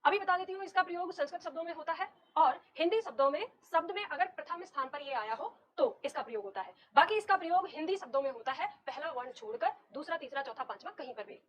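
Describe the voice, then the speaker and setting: High-voiced Hindi teacher woman. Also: animated. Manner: explains step by step, asks students questions, brisk and direct. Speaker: Hindi teacher for competitive exams. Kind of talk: classroom lecture on Hindi alphabet.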